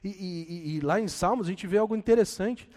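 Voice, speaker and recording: A Brazilian man preaching a sermon as a pastor, animated and speaking with self-deprecating humor. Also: high-pitched, brisk, big-room sound.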